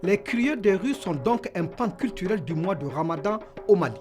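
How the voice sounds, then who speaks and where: High-pitched man narrating over music. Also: very animated, moderate pace. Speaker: reporter narrating a cultural feature. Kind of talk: scripted documentary narration. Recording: music behind the voice.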